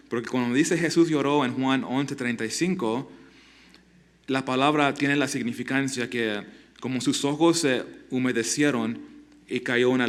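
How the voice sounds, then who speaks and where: Male pastor, mid-pitched, earnest sermon delivery, halting restarts, direct questions to congregation. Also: fairly bright tone.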